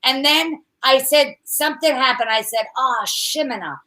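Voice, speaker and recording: A woman's voice: high-pitched, bright, forceful tone. A woman co-hosting a casual chat about products, playful and teasing, fond of made-up words. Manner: playful, unhurried, laughs at her own made-up words. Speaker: co-host.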